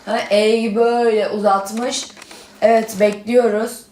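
High-voiced dramatic woman vlogger. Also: little pitch movement, slow, a little mellow, a little hiss or hum. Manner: indignant, dramatic, reads messages aloud. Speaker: YouTuber. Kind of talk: dramatic gaming vlog. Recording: roomy echo.

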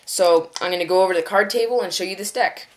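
A young adult card deck reviewer, stuffed up from a mild head cold, rambles through an unscripted, casual review at a card table indoors, correcting themselves as they go. The congested voice is medium-pitched and quick, and the recording quality is low.

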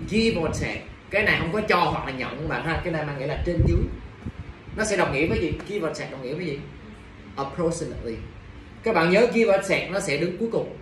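A young male teacher leads a pronunciation drill, repeating each word slowly and checking in with students after each one. He is heard from across an echoey classroom, with a soft hum of room ambience behind him. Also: on the high side, animated. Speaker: English teacher. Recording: echoey room, mic far off.

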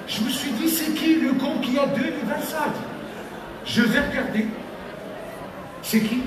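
A young man from Tunisia doing stand-up comedy on a theater stage and acting out characters with sudden pitch jumps. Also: a little slow. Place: large theater stage with live audience. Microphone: handheld mic, filmed from the audience. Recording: echoey hall from far off, crowd noise.

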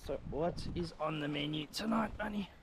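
A man's voice: on the high side, normal speed, gravelly, background noise. A young man giving easygoing, upbeat running commentary as a travel vlogger at an outdoor bush campsite, recorded on an action camera. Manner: easygoing, upbeat, lots of "cool". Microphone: action camera on bike or helmet.

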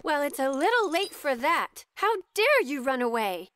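A woman voicing a bossy, anxious young girl in an animated cartoon, with a flustered, imperious manner. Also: sits high, normal speed, no room sound. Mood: indignant. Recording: music under the dialogue.

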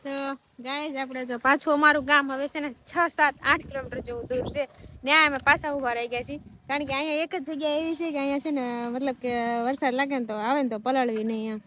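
Loud, quick woman vlogger. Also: sits high, fairly even intonation, slight background noise. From Gujarat, India. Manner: chatty, addresses viewers directly; loud-voiced. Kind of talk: casual vlog narration. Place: roadside outdoors and at home.

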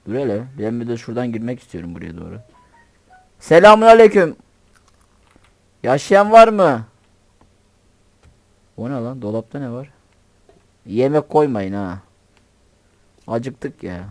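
A man giving excitable, joking commentary on his own gameplay, swearing playfully and talking to himself. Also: medium pitch, normal speed, vocal fry, long pauses, dry recording. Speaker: gamer.

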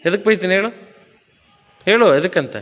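A man's voice: sits high, animated, normal speed, fairly bright tone, big-room sound. A man from Karnataka coaching a home workout in a casual, bossy and teasing way, counting reps aloud. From Karnataka, India. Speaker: fitness coach.

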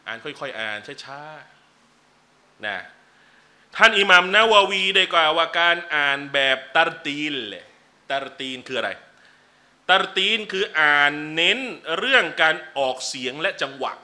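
A man teaching a relaxed religious class, chatting with joking asides between numbered teaching points. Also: a little high, measured pace. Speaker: Islamic teacher. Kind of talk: casual religious lecture. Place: lecture venue.

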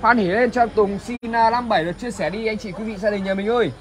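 A man with a northern Vietnamese accent pitching as a used car salesman on a livestream, chatting to viewers with repeated filler tags. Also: fast. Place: large covered open-air car lot at night. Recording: noisy outdoor car lot ambience.

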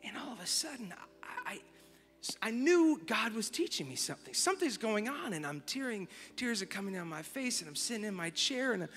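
Man, sermon storytelling, high voice, soft then fervent, reverberant hall, faint music behind. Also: big pitch swings, fairly quick. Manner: soft and reflective, swelling to fervent exclamations. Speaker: worship leader. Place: large church auditorium.

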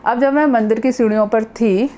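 A woman doctor telling a personal story in a casual monologue, her voice rising high and loud at dramatic moments. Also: steady tone, normal speed. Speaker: doctor sharing personal experience.

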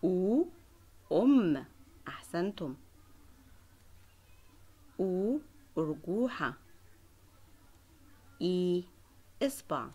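A woman teacher leading a children's Arabic letter lesson, sounding out syllables clearly and praising her pupils. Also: fairly low pitch, very animated, mellow. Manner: slow, clearly drawn-out syllables.

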